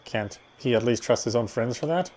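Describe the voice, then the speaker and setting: With game music and some background noise behind him, a male streamer voices visual novel narration expressively, tripping on a word here and there. His pitch is medium and his delivery brisk.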